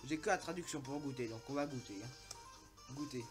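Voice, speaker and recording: A man's voice: medium pitch, fairly quick, over music. A man casually commenting on a game he plays, rambling and flustered, often laughing at his own slips. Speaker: let's play host.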